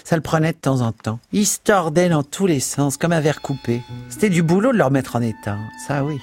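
A man putting on a high, nagging cleaning lady. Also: lively intonation, fairly quick, a little mellow, faint music behind, natural voice. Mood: scolding. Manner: nagging, scolding, talkative. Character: brusque chattering middle-aged cleaning woman.

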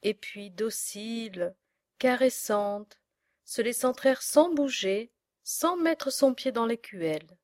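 Woman reading a storybook out loud, slow and measured, dry close sound. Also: on the high side, animated, no room sound.

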